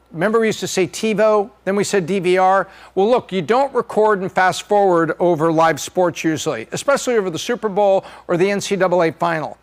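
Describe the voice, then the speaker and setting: A middle-aged man hosting a podcast, walking through charts in a chatty, joking way. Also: sits high. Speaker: podcast host.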